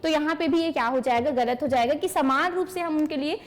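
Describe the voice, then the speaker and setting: Her voice sits high and moves a little fast as this teacher delivers exam-prep material to an online class. She asks herself questions and answers them, addressing students by name as she replies.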